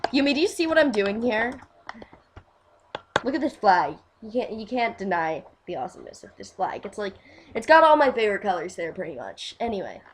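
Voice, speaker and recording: A woman's voice: mid-range voice, slight background noise. Rambling, gushing woman fan chatting. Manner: rambling and gushing, many fillers, swings from quiet to loud. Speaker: fan vlogger. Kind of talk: casual fan chat.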